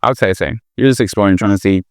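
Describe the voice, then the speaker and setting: A man's voice: lowish voice, racing, dry recording, clean studio sound. A man from Nigeria with a Nigerian accent, hosting a casual chat in a joking, goofy way. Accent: Nigerian English. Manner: goofy, joking, switches registers. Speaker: podcast host.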